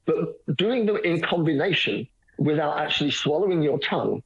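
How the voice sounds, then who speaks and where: A man is a guest on a phone-in radio interview, rambling and hesitant, restarting often and showing a dry, self-mocking humor. His voice is fairly high, expressive, and slightly rough at a normal speed, heard over a muffled lo-fi line.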